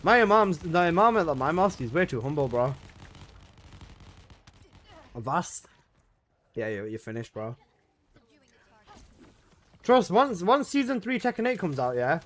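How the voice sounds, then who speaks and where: A man's voice: on the high side, sing-song, measured pace, long pauses, fairly bright tone. A young man chatting casually on a gaming livestream, answering his chat in laid-back slang from his room at home. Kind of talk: casual live-stream chat.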